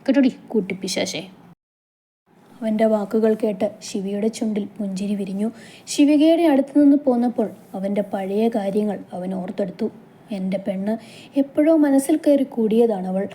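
Mellow-voiced woman reading a love story. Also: medium pitch, normal speed. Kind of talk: romantic story narration.

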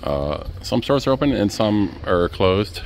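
A man with a low, deep voice narrates a casual walking tour out in the streets. He talks in a relaxed, chatty way and keeps calling his viewers "guys". Faint traffic hums in the background. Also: a little slow, creaky. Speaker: travel vlogger. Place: outdoors on city streets. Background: faint street and traffic noise.

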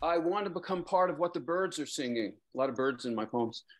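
A middle-aged male poet with a slightly high, expressive voice speaks fairly quickly, hesitantly introducing his own verse before reading it in a measured way. He mixes casual remarks with the poems while on a video call from a lamplit room at home, picked up by his computer's microphone.

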